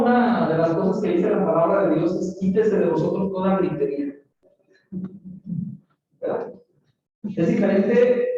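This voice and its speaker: A man's voice: high-pitched, darkish tone. A man teaches a church oral communication class, calling his students brothers and often checking in with "¿verdad?". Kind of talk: classroom lesson with church preaching tone. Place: large echoey room. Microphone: camera far from the speaker. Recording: distant, very echoey, dull camera audio with faint noise.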